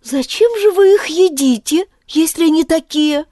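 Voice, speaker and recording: A woman's voice: high voice, animated, measured pace, dark tone, no echo, studio quality, voice pushed up. A woman voicing a timid, kind-hearted boy who speaks earnestly and politely in a storybook reading.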